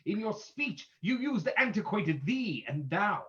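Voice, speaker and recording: A man's voice: high-pitched, big pitch swings, a little slow, bright, forceful tone, full character voice. Man playing the Shadow, swooping, commanding radio sleuth. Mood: stern, menacing. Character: the Shadow, commanding unseen crime-fighting sleuth, adult man. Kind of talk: old-time radio drama reading. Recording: dull lo-fi audio.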